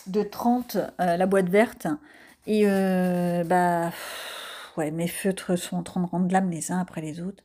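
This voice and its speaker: A woman's voice: fairly low pitch, mellow. A woman giving a casual voice-over of her coloring session as an art vlogger. She talks in a chatty, self-mocking way, with frequent hesitant fillers.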